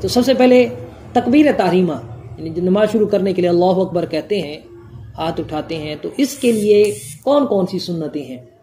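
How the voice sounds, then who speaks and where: A woman's voice: on the low side, lively intonation, normal speed, dark tone, slight background noise. A woman giving a religious jurisprudence lesson, going point by point and answering her own questions. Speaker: religious teacher.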